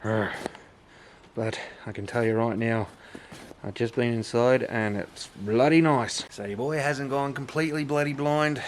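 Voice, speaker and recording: A man's voice: mid-range voice, fairly even intonation, measured pace, slight background noise. A man vlogging in a chatty, rambling way, swearing casually as he talks to his viewers. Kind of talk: casual vlog chat to camera.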